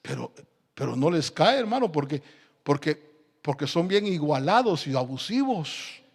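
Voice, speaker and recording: High-voiced, animated male preacher. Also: normal speed, vocal fry, slightly rough, big-room sound. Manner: rhetorical questions to the congregation, dramatic swings in loudness. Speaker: pastor. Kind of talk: evangelical sermon.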